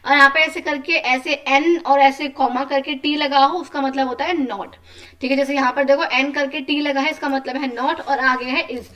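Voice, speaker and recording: A woman's voice: high voice, steady tone, moderate pace, pushed and bright, distant mic. A woman with an Indian accent teaching children a lesson, patient and often checking in with questions.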